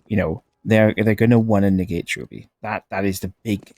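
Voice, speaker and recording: A man giving relaxed, rambling live commentary on a competitive game as a caster, laughing often. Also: on the low side, normal speed. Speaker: esports caster.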